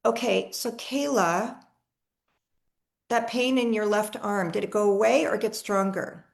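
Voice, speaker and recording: Her voice is gravelly and medium-pitched, with fairly even intonation and a measured pace. She's an energy healer leading a live video-call session, chatty and enthusiastic, often restarting and repeating words.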